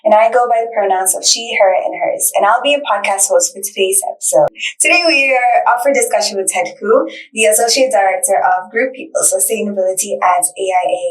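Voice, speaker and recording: A woman's voice: mid-range voice, brisk. A young woman hosting an interview podcast, giving friendly scripted introductions. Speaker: podcast host. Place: bright studio set. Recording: roomy sound from a distant mic.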